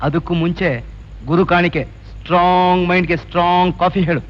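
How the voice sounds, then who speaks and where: A man's voice: high voice, level tone, lightly acted. An actor playing a boastful young local tough who lectures his friends and turns menacing, in 1980s film acting. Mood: swaggering. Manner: boastful, lecturing, quick to anger. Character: swaggering young male neighborhood tough, boastful. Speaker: local gang leader. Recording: dull old film soundtrack.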